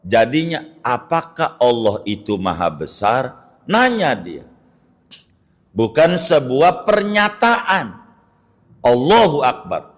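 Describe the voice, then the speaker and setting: Slow-speaking male cleric teaching recitation. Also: mid-range voice. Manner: drawn-out demonstrations of recited phrases, emphatic corrections. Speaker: Islamic cleric teaching jurisprudence. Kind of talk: religious study lecture.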